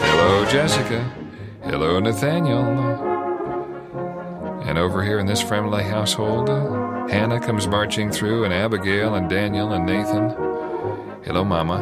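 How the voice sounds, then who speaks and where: A man hosting a children's march with playful commentary, encouraging the marchers as he calls out names and step commands. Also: fairly low pitch. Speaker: children's march leader and host. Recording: loud brass march music behind the voice. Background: loud brass band march music.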